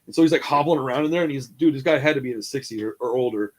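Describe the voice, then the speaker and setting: Fast-talking profane man telling stories. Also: medium pitch. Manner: animated, profane, acts out the people in his stories. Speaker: podcast co-host. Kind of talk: casual storytelling.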